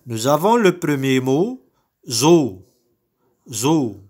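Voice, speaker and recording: A man with a Moroccan French accent teaching young children to read, saying words and syllables slowly and repeating each one. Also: on the high side, sing-song, a bit bright. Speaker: primary school teacher. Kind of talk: slow recorded reading lesson for young children.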